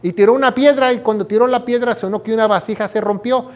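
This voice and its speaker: A man's voice: very high voice, steady tone, fast talker, a little mellow. A man preaches as a pastor. He reads scripture aloud, then breaks it down verse by verse, often tossing in rhetorical questions to his listeners. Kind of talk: sermon.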